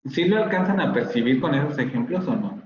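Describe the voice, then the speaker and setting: A man's voice: medium pitch, lively intonation, a little fast, darkish tone, reverberant, lo-fi sound. A man, a university professor giving an online phonetics lecture and patiently repeating words to model their sounds.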